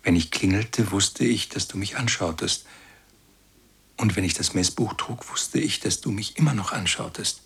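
A deep, gravelly brooding narrator. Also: male voice, a bit bright, heavily acted. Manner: slow, brooding recollection, repeatedly addressing his mother. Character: grown son recalling a pious, harsh childhood. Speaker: first-person narrator. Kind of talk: literary radio play narration.

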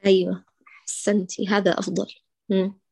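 Woman teacher correcting recitation slowly. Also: mid-range voice, level tone, vocal fry, a little mellow, slightly rough, dry recording, studio quality. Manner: corrective, demonstrates sounds slowly. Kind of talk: online tajweed correction class. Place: online voice class.

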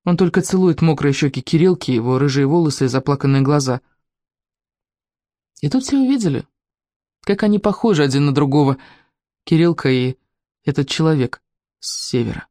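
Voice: mid-range voice, brisk, dark tone, dry recording, studio quality. A reader narrating a children's storybook expressively. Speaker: audiobook reader.

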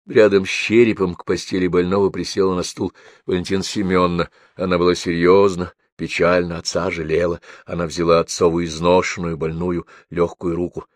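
A man reading a story aloud as narrator in a measured storytelling way. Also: deep voice, little pitch movement, no room sound, studio quality. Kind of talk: audiobook reading.

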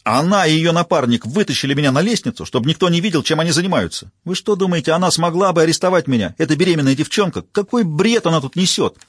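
A loud, abusive drunk defendant, as a man puts him on, pitched well above the reader's own voice. He yells and jeers with a husky edge, and the dry, close recording keeps every shout right up front. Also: expressive, fast, few pauses, dry recording. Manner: yelling, jeering.

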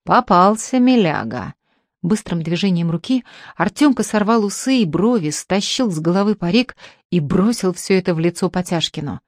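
A woman narrates a novel as an audiobook in a steady, measured, dramatic way. Her voice sits on the low side. The recording is dry and close, with no room sound. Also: no echo. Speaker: audiobook reader.

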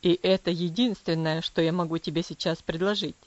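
A woman voicing a strict, cold father who speaks in a low, commanding, measured voice in an audiobook. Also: fairly even intonation, darkish tone, no echo, muffled recording, natural voice. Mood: stern, cold. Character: stern cold father, strict then tender.

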